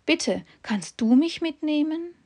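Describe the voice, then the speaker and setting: A woman voicing Love as a gentle, pleading female figure in a fairy tale. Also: high voice, lively intonation, slow, pitched above the performer's own voice, exaggerated voice.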